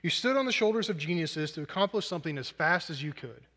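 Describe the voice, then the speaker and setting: A man's voice: on the high side, lively intonation, fast, bright, forceful tone. A man preaching a sermon, earnest and self-deprecating, drawing on movie examples, in a church hall with long reverb.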